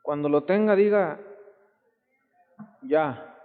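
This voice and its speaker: A Mexican pastor with a slightly high voice preaches slowly, emphatic and exclamatory, telling stories in which he voices other people. The sermon was captured in a church hall on a tinny, lo-fi 1990s recording with a long hall reverb.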